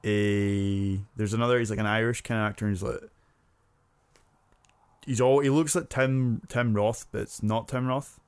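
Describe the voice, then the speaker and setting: A lowish male voice chatting casually on a podcast, rambling and stopping often to search for words. The sound is close and dry. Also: steady tone, moderate pace, a little mellow, smooth, dry recording. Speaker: podcast co-host. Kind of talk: casual chat.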